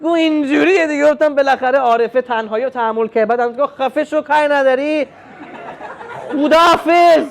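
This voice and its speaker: A young man performing a stand-up comedy routine, telling family stories and acting out the dialogue in an animated way. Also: very high-pitched, vocal fry, a faint crowd, slight background noise. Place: comedy club stage with live audience.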